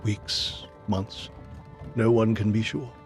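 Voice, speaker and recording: A man playing a loyal, kindly Victorian doctor in an audio drama, speaking in a genteel, old-fashioned and expressive way. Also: on the low side, takes it slowly, soft background music. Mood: subdued, resigned.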